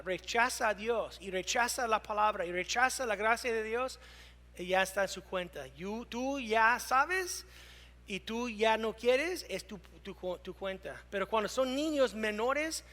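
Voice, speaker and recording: A man with a very high, bright voice preaches a sermon, moving between loud emphatic lines and soft hushed asides. He slows down when he reads scripture aloud. His voice rings out in a hall with a long reverb. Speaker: pastor.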